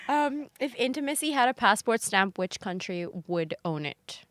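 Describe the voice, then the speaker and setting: A woman's voice: on the high side, expressive, moderate pace, no room sound. A woman co-hosting a podcast, chatting casually and teasing her guest in a playful way. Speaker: podcast co-host. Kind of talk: casual chat.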